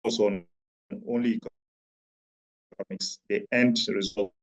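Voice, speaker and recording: A man presenting slides on a video call, his audio choppy and breaking up as the stream drops, speaking haltingly with many fillers. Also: lowish voice, steady tone. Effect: breaking up, choppy dropping online call audio. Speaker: policy presenter. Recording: muffled online call audio.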